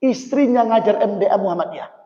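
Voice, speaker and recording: A high-voiced male preacher, now and then dropping into phrases. He moves from soft, intimate asides to the people in front of him up to loud, heartfelt telling of stories. The long reverb of a prayer hall hangs around his voice. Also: animated, brisk, dull audio. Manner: swings between quiet asides to the congregation and loud emotional storytelling. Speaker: Islamic preacher. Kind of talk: sermon.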